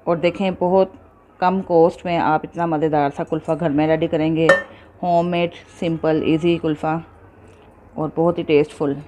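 A woman walks viewers through a recipe in a home kitchen, her voice low and mellow. She is patient, explains every step and keeps checking in with her audience. A faint hiss of noise sits under the recording. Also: flat delivery, normal speed. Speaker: cooking show host. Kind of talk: step-by-step cooking instruction.

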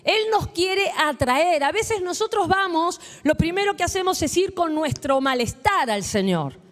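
In a church hall, a woman preacher from Argentina leads her congregation in prayer and call-and-response during a sermon, speaking with a Rioplatense Spanish accent. Her voice is very high-pitched and expressive, and she keeps a measured pace. A long reverb tail trails after her words.

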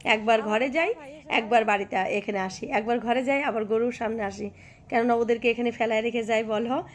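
A hoarse woman vlogging by a cowshed, chatting affectionately with her viewers and often asking if they follow. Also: fairly high pitch, fairly even intonation, moderate pace. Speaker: village life vlogger. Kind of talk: casual vlog chat to viewers.

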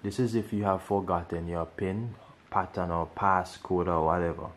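A man's voice: low-pitched, fairly even intonation, normal speed. A man hosting a casual how-to video, explaining each step and repeating instructions as he goes. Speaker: tech tutorial host.

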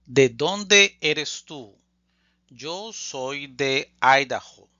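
Slow, deliberate man teaching a lesson. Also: fairly high pitch, animated, pushed and bright, no echo, highs cut off. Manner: slow, deliberate, repeats phrases for learners. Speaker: Spanish teacher. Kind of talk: slow scripted language lesson.

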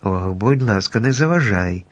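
A man's voice: lowish voice, animated, normal speed, dull audio. Eager brave little girl calling out to her friends, storybook heroine, as a guy reading aloud does her. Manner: eager, exclaiming.

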